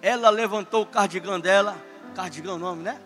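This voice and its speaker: A pastor preaching with a very high, bright and forceful voice. His sermon swells from earnest storytelling to impassioned cries, with faint music playing under his words in the church. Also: a little fast. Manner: impassioned preaching, rising to shouts.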